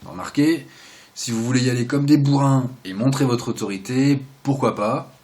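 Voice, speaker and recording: A young man giving a casual, joking video lesson, explaining step by step and often trailing off into quiet asides. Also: mid-range voice, moderate pace. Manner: chatty, joking asides, drops to quiet mumbles. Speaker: video host teaching sign basics.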